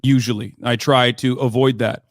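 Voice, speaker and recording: A man's voice: mid-range voice, fairly even intonation, moderate pace, crowd noise. A man who grew up in Turkey, a commentator debating on a live stream, hesitant with many fillers and restarts, swearing now and then.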